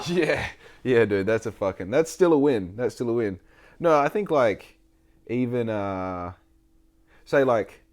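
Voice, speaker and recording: With lively intonation and a slightly slow delivery, this Australian podcast host in his late twenties chats casually and spins rambling, profane stories. His voice is mid-range and darkish in tone.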